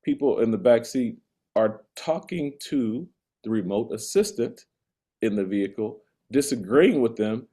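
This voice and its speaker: A man with a mellow, relaxed tone delivers a casual rant in conversation. He leans on repetition for comic emphasis, building his exasperation point by point. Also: lowish voice, a little slow.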